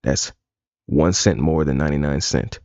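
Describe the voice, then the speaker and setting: A man's voice: very deep voice, normal speed, a little mellow, no room sound. A man streaming live, talking casually, rambling and bluntly profane. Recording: dull lo-fi dry sound.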